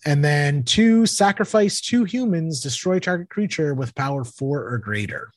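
A man with a Boston accent co-hosting a podcast, chatting casually about card games and thinking aloud haltingly. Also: fairly high pitch, animated, dry recording, clean studio sound. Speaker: podcast co-host. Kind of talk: casual banter and card game commentary.

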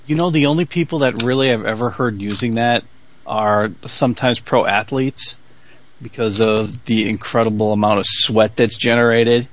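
A man's voice: medium pitch, normal speed, a bit bright. A man guesting on a casual podcast, emphatic, with jokey asides. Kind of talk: casual chat over a video call. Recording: dull, lo-fi call audio.

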